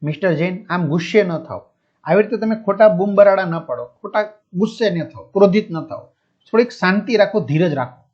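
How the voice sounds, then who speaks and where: A man voicing a male tour guide who calmly pleads with an angry guest to stay patient, read in a lesson. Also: sits high, fairly quick. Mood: placating. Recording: dull lo-fi audio.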